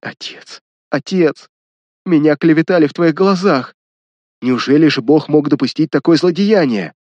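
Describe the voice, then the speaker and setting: A man's voice: on the high side, expressive, moderate pace, a little mellow, dry recording, dull audio, pitched above the performer's own voice. A man reading as a defiant young woman. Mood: pleading. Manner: pleading, indignant, defiant. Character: desperate young woman defying her brothers.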